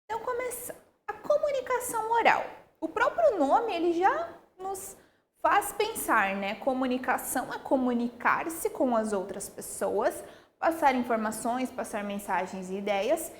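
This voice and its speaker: Woman, Brazilian Portuguese accent, high voice, young adult teacher, explanatory recorded lesson. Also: lively intonation, measured pace, slight background noise. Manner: explanatory, frequent tag questions.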